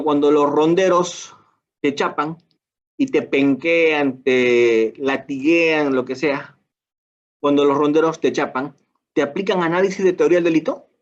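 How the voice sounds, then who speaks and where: A man's voice: on the high side, highs cut off. A man with a Peruvian accent giving a law lecture, asking and answering his own rhetorical questions, with colloquial asides. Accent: Peruvian Spanish.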